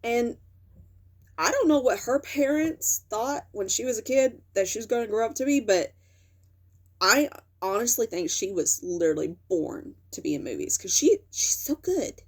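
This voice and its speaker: A woman's voice: a little high, expressive, normal speed. A young woman hosting a casual commentary video, rambling and correcting herself with lots of fillers as she talks. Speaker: video host. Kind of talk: casual talking-head commentary.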